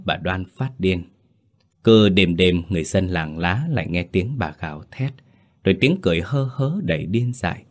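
A man reading scripted horror story narration in a slow, grave storytelling manner. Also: low voice. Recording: faint background music.

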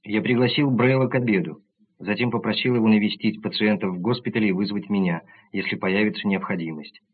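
A man narrating an audiobook in the first person, measured and even, on tinny narrow-band audio. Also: fairly low pitch, husky.

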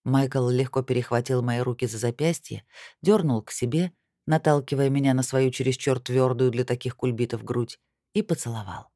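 Expressive audiobook narrator, mellow dry voice. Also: moderate pace, dry recording. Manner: expressive, lifts pitch for the heroine's lines. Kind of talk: first-person audiobook narration.

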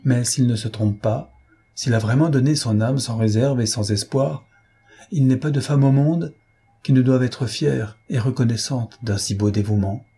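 A man voicing a serious, gracious young princess in an audiobook, with a husky voice. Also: mid-range voice, moderate pace, dark tone. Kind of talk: audiobook character reading.

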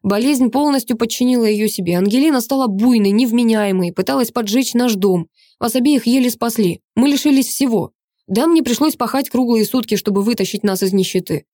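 A woman's voice: fairly high pitch, a little fast, warm tone, no echo, studio quality, pitched above the performer's own voice, close to an everyday voice. A woman voicing a cold domineering father. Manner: cold, contemptuous, commanding. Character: harsh, domineering middle-aged father.

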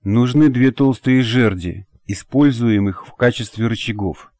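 A man voicing a fiery, quick-tempered young woman in an audiobook, speaking in a sharp, commanding way. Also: medium pitch, dry recording, clean studio sound, close to an everyday voice. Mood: urgent.

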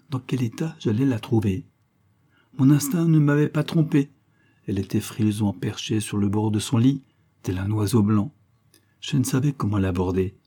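Man narrating an old novel, low dark mellow voice, bit husky. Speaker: audiobook reader. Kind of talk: scripted literary narration.

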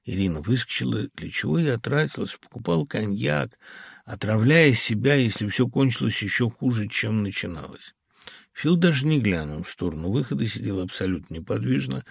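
A man reading an audiobook in a measured, even storytelling voice on a close studio mic. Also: on the low side, gravelly, breathy edge, no room sound. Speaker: audiobook reader. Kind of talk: audiobook narration.

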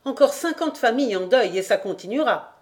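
A woman's voice: on the high side, animated, fairly quick, voice pushed up, lightly acted. A woman voicing a bitter Breton sailor in an audiobook, speaking with indignation. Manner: indignant outburst.

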